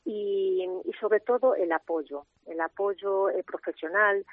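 A woman's voice: mid-range voice, slow pace, dry recording. Woman on a thin phone line. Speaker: interviewee, head of a women's support centre. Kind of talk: spontaneous interview answer. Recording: thin, band-limited telephone line.

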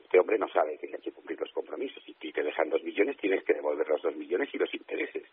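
A radio guest from Spain speaks by telephone in an extremely low voice at a brisk pace, with slight background noise and a tinny line. Speaking with a Spanish accent, he's indignant and emphatic, frequently repeating himself.

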